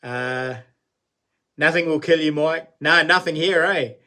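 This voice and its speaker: A man's voice: on the high side, measured pace, bright, forceful tone. A man in his late forties with a broad New Zealand accent, chatting casually as he hosts a livestream, in a blokey, slangy, laid-back way. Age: late 40s. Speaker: live stream host. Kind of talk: casual livestream chat, reading and answering comments.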